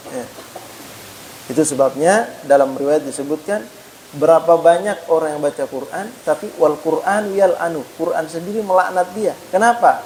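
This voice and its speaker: A man giving a mosque study lecture, chatty and addressing listeners as sir, saying "ya" after nearly every phrase and slowly demonstrating Arabic letter sounds. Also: a little high, a little mellow, a little hiss or hum, rough recording. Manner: punctuates phrases with a frequent "ya"; conversational, addresses listeners as "Pak". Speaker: Islamic teacher.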